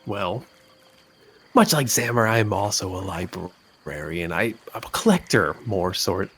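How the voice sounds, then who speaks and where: A man playing an aloof, misunderstood male librarian and story collector in a tabletop game, hesitant and condescending, with a husky voice. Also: deep voice, measured pace, a bit bright, full character voice. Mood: hesitant, earnest.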